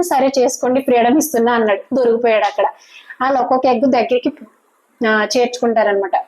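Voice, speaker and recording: A woman reviewer talks through a reality show episode at a rapid clip. Her voice sits a little high. She retells each argument in a lively, chatty way and acts out the quoted lines. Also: low-quality recording. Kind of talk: casual spoken review recounting quoted arguments.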